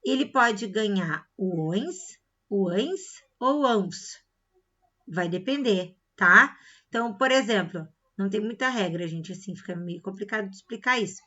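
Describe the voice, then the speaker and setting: Teaching a recorded grammar lesson, this woman speaks with a Brazilian Portuguese accent in a medium-pitched, expressive voice that sounds pushed and bright. She moves at a measured pace, explaining step by step and checking in often with "tá?" and "né?". The lo-fi recording comes across slightly dull.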